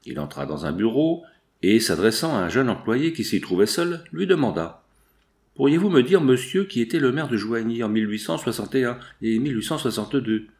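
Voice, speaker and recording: A man reading a classic novel aloud as an audiobook narrator, shifting his pitch for each character's lines. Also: animated, brisk, a little mellow.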